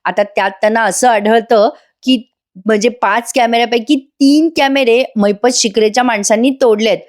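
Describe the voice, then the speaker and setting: A woman's voice: a little high, steady tone, normal speed. A woman narrating a chatty voice-over recap of a TV serial, talking straight to her viewers. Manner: chatty, addressing viewers directly. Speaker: serial reviewer.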